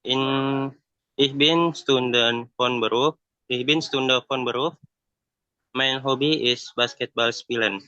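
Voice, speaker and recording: A young man in his twenties with an Indonesian accent speaks slowly and carefully, like a learner. His voice is bright and clean, recorded close and dry. It comes through a muffled, lo-fi video call line. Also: medium pitch, steady tone, clean tone, no echo. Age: 20s. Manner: slow, careful learner's delivery. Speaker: student. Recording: dull lo-fi call audio.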